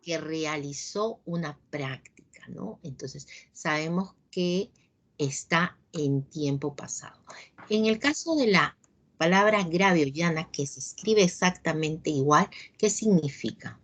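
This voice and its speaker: Woman teacher, lowish voice, slow and patient, online class on a video call. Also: animated, a bit bright.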